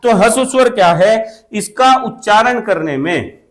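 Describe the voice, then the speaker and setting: Male exam-coaching teacher, high voice, repetitive question-and-answer drilling, steady classroom delivery. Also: unhurried. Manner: repetitive, asks questions and answers them himself, often checks with "theek hai na". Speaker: Hindi grammar teacher. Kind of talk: exam-prep classroom lesson.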